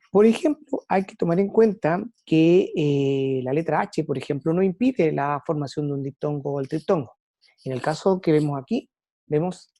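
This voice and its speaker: A woman teacher lectures to her students, pausing often on fillers as she gathers her thoughts. Her voice sits a little low and sounds mellow. The recording is close and dry. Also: dry recording. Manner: thinking aloud with frequent "eh" fillers and restarts. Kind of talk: online class lecture.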